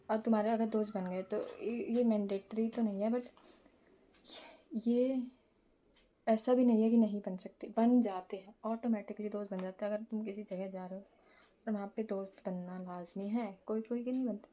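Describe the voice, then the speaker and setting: A woman's voice: medium pitch, mellow, lo-fi sound. A young woman chatting casually in a makeup vlog, rambling and self-mocking, often searching for words and mixing in English. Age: young adult. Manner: mixes English words into speech. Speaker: vlogger.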